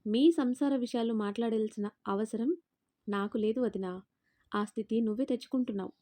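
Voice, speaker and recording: A woman voicing a bold young daughter-in-law in a spoken family story, firm and confrontational, speaking up loudly. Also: on the high side, a little fast, lightly acted. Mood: defiant.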